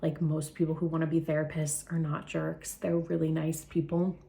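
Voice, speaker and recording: A young woman chats earnestly to camera about her work as a therapist, a little out of breath. Her voice sits low with a gravelly fry. The tone is mellow and warm. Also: flat delivery, normal speed. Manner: chatty, earnest, filler-heavy. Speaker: therapist and channel host. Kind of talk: casual talking-head vlog.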